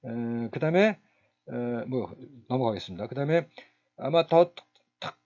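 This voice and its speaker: A man's voice: medium pitch, expressive, a little mellow. Guy lecturing to a class, lots of uh and restarts, kinda muffled recording. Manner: halting, many fillers and restarts.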